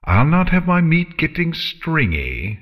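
A man's voice: a little high, huge pitch swings, unhurried, lo-fi sound, pitched above the performer's own voice, exaggerated voice. A man voicing a grumpy, haughty female dragon who makes mock threats in a storybook reading. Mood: teasing.

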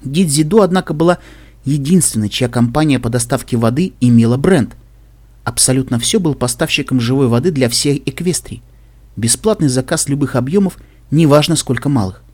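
A man reading an audiobook in scripted narration, with an even, measured storytelling delivery. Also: mid-range voice. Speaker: audiobook reader.

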